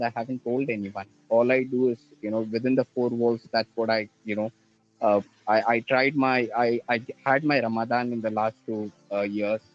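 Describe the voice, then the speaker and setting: A man from India, calling in with questions, halting and restarting as he searches for words. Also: mid-range voice. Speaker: caller. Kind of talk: call-in question to a religious show. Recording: dull lo-fi call line.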